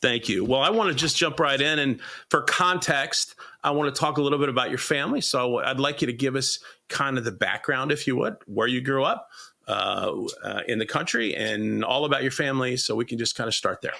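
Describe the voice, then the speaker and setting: Male podcast host with a forceful edge, enthusiastic, loose, full of restarts. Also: medium pitch, a little fast, vocal fry. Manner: eager, rambling with frequent restarts. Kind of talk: interview podcast.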